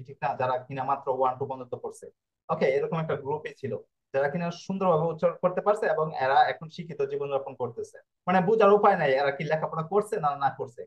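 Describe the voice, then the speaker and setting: A man's voice: on the high side, dull audio. A man teaching Italian pronunciation in an online class. He explains in a repetitive way and keeps checking with his students.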